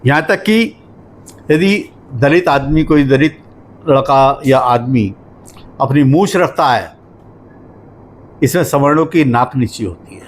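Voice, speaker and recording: A man giving a formal spoken review of a poetry book at a literary discussion, measured and explanatory, working through examples. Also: mid-range voice, lively intonation, a little hiss or hum.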